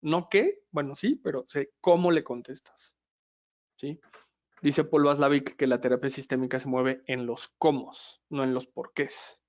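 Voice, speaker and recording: A man's voice: medium pitch, fairly even intonation, measured pace, muffled recording. Man lecturing a class. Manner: explains step by step, constantly checks in with "¿sí?". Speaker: lecturer in systemic therapy.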